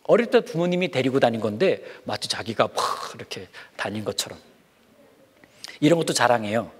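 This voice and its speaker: A man giving a children's sermon, speaking in an animated way and asking the kids questions as he goes. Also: mid-range voice, moderate pace, slightly rough. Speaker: children's preacher.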